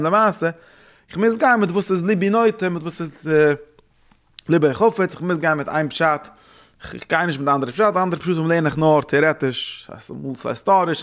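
A man giving a religious lesson, thinking aloud in halting phrases that he often repeats and restarts. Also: a little high, a bit bright. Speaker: religious teacher.

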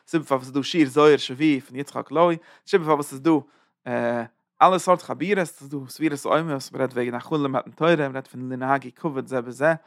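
A man giving a rambling, animated Torah talk in Yiddish-laced speech, with frequent restarts. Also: medium pitch, moderate pace, no room sound, studio quality. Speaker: Torah teacher.

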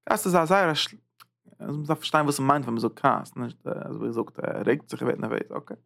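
A man teaching a religious text in an informal lecture, animated, repeating phrases and jumping up in pitch for emphasis. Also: fast talker, vocal fry.

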